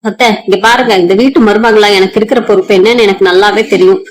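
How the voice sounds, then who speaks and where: A woman's voice: medium pitch, fairly even intonation, fast talker, slight background noise, close to an everyday voice. A woman voicing an overworked young daughter-in-law who talks back defiantly and passionately in a storybook retelling. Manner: defiant, impassioned.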